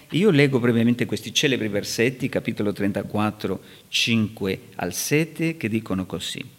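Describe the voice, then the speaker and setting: A man preaching and teaching from scripture, animated and rising sharply in pitch for emphasis. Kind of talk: sermon. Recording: long hall reverb.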